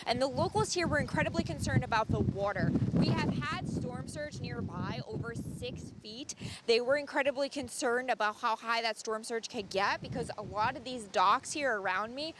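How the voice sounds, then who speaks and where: A woman's voice: fairly high pitch, moderate pace, few pauses. A woman meteorologist giving a live field report outdoors in a storm, raising her voice over the wind. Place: outdoors by docks in hurricane wind. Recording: loud wind and vehicle noise outdoors.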